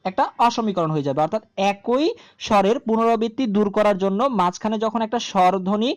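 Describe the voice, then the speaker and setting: Woman teaching grammar slowly. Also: medium pitch. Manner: slow, repetitive explaining with questions to viewers. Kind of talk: grammar lesson.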